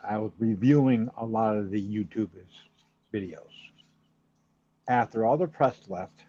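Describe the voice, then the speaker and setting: A man's voice: on the low side, warm tone, husky. A man with a Boston accent, a caller to a talk show, speaking casually and telling what happened. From Massachusetts, USA. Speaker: phone-in caller. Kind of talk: casual call-in storytelling. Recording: dull lo-fi call audio.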